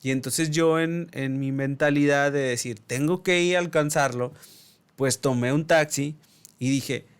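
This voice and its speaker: Un hombre joven de México con acento del norte de México, contando animado una anécdota personal en un pódcast, imitando los diálogos. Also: male voice, on the high side, a little slow, clean tone. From Mexico. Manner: animated storyteller acting out dialogue. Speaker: podcast co-host. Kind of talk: casual storytelling.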